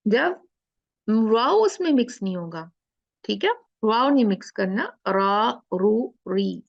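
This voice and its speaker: A woman teaching an online recitation class, patiently repeating sounds slowly to demonstrate them over a video call. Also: mid-range voice, a little mellow, no echo, lo-fi sound. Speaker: tajweed teacher.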